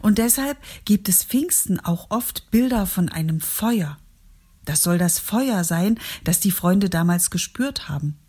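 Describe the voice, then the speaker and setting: Church lady reading a bible story to kids, soft breathy voice, gentle. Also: fairly low pitch, expressive, a little slow. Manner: gentle, warm reading to children. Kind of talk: children's Bible story narration.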